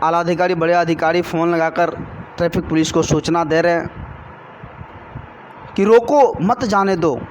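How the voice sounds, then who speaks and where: A man with a high, light voice preaching a devotional sermon. He tells his parable patiently, addressing the congregation over and over. Faint street and traffic noise hums behind him. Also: fairly bright tone, rough recording. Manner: calls the congregation again and again, storytelling. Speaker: spiritual speaker.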